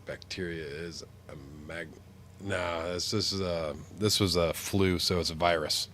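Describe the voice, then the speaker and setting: A man's voice: low-pitched, fairly even intonation, a little slow, a bit bright, slight background noise. A man sick with flu, congested and nasal as if his nose were pinched, chatting casually and rambling on a gaming livestream. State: sick with flu, stuffed-up sinuses. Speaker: game streamer.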